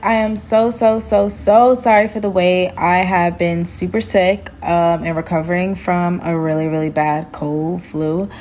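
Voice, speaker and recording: A woman telling a personal story to her viewers in a casual storytime vlog, animated and chatty, calling them y'all and saying "like" often. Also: fairly low pitch, unhurried, few pauses. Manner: animated, addresses viewers as y'all, heavy use of "like".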